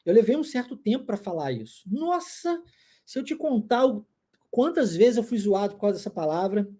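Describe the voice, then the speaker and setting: Mineira lady teaching english, chatty and playful, warm mellow voice that bounces all over. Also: mid-range voice, sing-song, breathy edge. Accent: Brazilian Portuguese, mineiro (Minas Gerais). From Minas Gerais, Brazil. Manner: chatty and playful, drills words slowly. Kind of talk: casual online English lesson.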